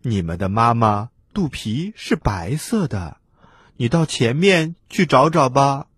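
A man voicing a calm turtle mother in a children's story, deep and steady. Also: takes it slowly, husky, no echo, clean studio sound, exaggerated voice. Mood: kindly. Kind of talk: storybook role-play.

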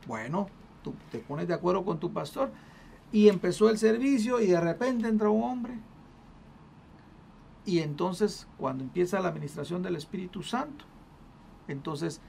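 Gravelly voice in casual faith chat. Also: mid-range voice, normal speed, long pauses, slight background noise. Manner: animated storytelling with frequent restarts; acts out quoted voices. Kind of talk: casual Bible discussion.

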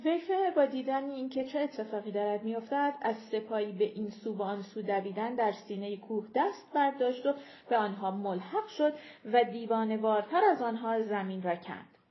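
A woman narrating an audiobook with steady storytelling. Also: fairly high pitch. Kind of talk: scripted narration. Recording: dull lo-fi recording.

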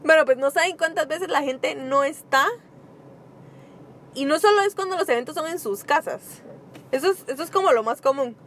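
Young Guatemalan woman, podcast co-host, high voice, expressive casual chat recorded in a car. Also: normal speed, slight background noise. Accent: Guatemalan Spanish. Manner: expressive, emphatic, laughs often. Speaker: podcast co-host, small bakery owner. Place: inside a parked car.

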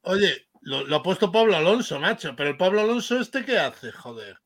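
A man's voice: high-pitched, very animated, fairly quick, fairly bright tone. A man in a casual chat, joking and swearing.

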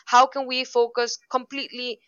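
A woman's voice: a little high, level tone, moderate pace, a bit bright, clean tone, no echo, muffled recording. A woman hosting a book discussion, talking earnestly in a reflective, casual way and often adding "right?". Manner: earnest, frequent "right?" tags. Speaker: podcast host.

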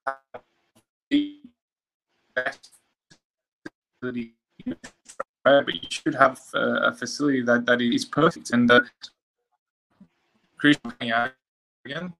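A man talks as a guest in an interview over a video call with a failing connection, and his voice keeps dropping away. His tone is gravelly with a bit of fry. He restarts words often while he gathers his thoughts. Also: mid-range voice, animated, takes it slowly, pauses often, sharp tone, low-quality recording. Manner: repeats words while he searches for them. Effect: voice dropping out on a bad call connection.

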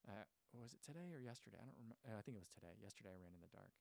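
Talking at a rapid-fire clip, a man with a lowish, creaky, darkish voice and lively intonation hosts a running channel. He reads viewer comments aloud in a casual livestream chat, rambling with plenty of fillers and restarts.

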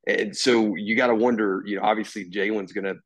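A man's voice: fairly low pitch, fairly even intonation, husky, no echo. A man co-hosting a sports podcast, talking casually with lots of restarts and fillers. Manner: halting, many restarts and fillers. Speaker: podcast co-host.

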